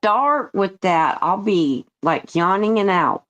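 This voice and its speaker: A woman taking part in a casual group chat, teasing and telling stories in a lively way. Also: mid-range voice, slow pace, muffled recording. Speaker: chat guest.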